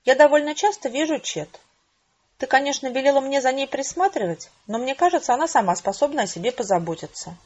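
A woman's voice: high voice, lively intonation, brisk, slightly rough, lo-fi sound, voice pushed up. Woman reading as a wry young soldier writing home.

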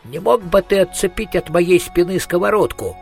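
Male narrator doing a high-strung wizard, fretful, quippy, voice raised. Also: expressive, vocal fry, a little mellow, faint music behind. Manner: high, fretful, quick to quip. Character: nervous, wry male wizard in flight.

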